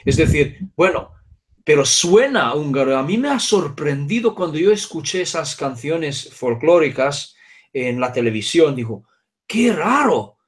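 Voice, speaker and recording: This interview guest, a native Hungarian speaker with a Hungarian accent, talks in a slightly high voice with lively intonation and a measured pace. His long explanations wander into asides and keep checking on the listener.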